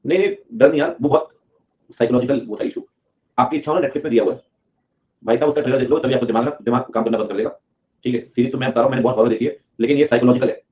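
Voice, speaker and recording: A young man from Delhi teaching accounting in a lively lecture, acting out an auditor and a client in playful voices. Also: medium pitch, racing. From Delhi, India. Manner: animated, acts out auditor and client in funny voices. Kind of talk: lively classroom lecture with acted skits. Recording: dull lo-fi recording.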